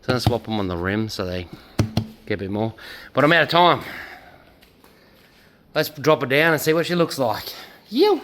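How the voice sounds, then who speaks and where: A man's voice: medium pitch, moderate pace, pauses often, a bit bright, slight background noise, poor audio. An Australian man vlogging casually from his garage workshop as he preps his drift car, rambling and swearing as he talks. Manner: rambling and profane, laid-back storytelling. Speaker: car builder and drift driver.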